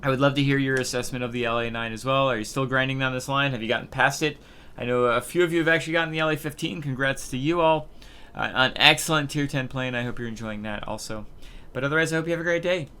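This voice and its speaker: Man, gaming video host, bright forceful tone, casual rambling commentary, lots of ums and restarts. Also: medium pitch, fast talker, a little hiss or hum. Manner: rambling, hesitant, many fillers and restarts.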